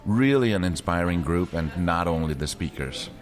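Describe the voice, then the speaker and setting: A deep-voiced man hosts a podcast, chatting with his guest and telling stories in an easy, relaxed manner. Music plays clearly underneath his voice. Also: normal speed. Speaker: podcast host. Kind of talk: casual interview chat.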